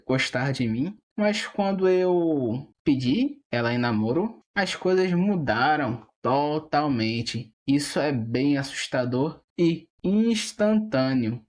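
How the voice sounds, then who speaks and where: A man's voice: fairly high pitch, darkish tone. A Brazilian man giving a rambling, casual monologue to viewers, hesitant and often repeating or rephrasing himself. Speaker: video creator.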